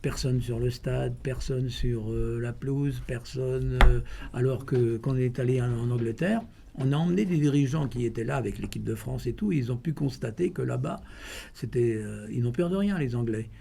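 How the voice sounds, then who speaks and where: A man giving informal interview answers, telling stories in a halting way with repeated words. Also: medium pitch, vocal fry, warm tone, a little hiss or hum. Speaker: president of a running club, interviewee.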